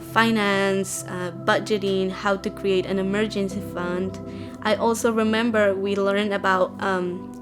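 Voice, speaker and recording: A young woman from Guatemala with a Guatemalan accent, telling her own story in an earnest, measured way with fillers and restarts. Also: mid-range voice. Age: young adult. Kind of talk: personal testimony.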